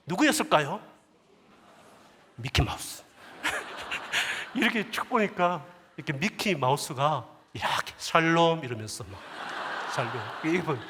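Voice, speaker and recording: Husky-voiced pastor preaching in a reverberant church. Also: male voice, a little high, bright, forceful tone. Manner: humorous storytelling with many asides to the congregation. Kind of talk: sermon. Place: church sanctuary at a prayer service. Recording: long church hall reverb.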